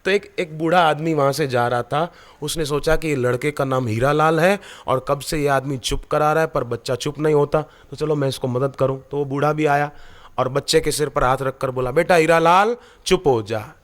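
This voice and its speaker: Man, devotional preacher, high-ish voice, lively storyteller who quizzes the crowd. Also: moderate pace. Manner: animated storytelling, questioning the audience. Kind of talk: devotional sermon.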